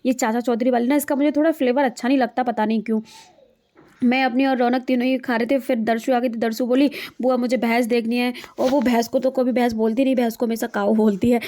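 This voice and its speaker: A woman's voice: a little high, fairly even intonation, fast, dark tone. A young woman narrating her day in a chatty, diary-like home vlog. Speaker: vlogger.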